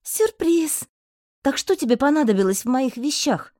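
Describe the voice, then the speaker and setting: A fierce young sorceress, as a woman narrator puts her on, cold and mocking, her voice raised high and sharp. She talks down to whoever faces her. The read is close and dry, as in a storybook. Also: expressive, moderate pace, no echo. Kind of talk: audiobook character voice.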